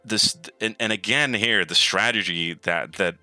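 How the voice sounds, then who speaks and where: Bright-toned, deep-voiced enthusiastic man. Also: measured pace, no echo, faint music behind. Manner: enthusiastic, many restarts and repeated words. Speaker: lead gameplay programmer, guest. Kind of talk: casual interview talk.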